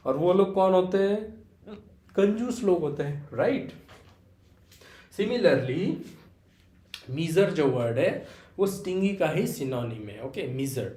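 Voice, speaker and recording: Young male Indian tutor, Marathi-tinged, slightly high-pitched, patient explainer, echoey room. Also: dark tone. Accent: Marathi-influenced Indian. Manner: explains with repeated fillers like "okay" and "है ना"; addresses students fondly as "बेटा". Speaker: English vocabulary teacher. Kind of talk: Hindi-English vocabulary lesson.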